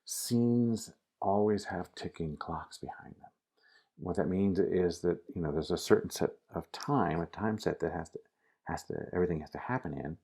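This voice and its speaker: Gravelly low-voiced man teaching acting. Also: normal speed, dark tone. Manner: casual instructive, addresses the student directly. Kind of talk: recorded acting lesson.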